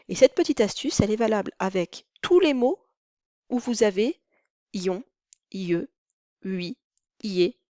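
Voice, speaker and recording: A woman teaching a lesson on counting the syllables of verse, with a clear, deliberate delivery. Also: medium pitch, darkish tone, no echo, lo-fi sound. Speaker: French teacher. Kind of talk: recorded lesson.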